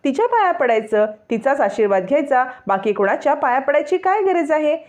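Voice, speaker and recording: A woman's voice: high-pitched, big pitch swings, brisk, a little mellow, voice pushed up. A woman voicing an old grandfather, the stern head of the household, who speaks firmly.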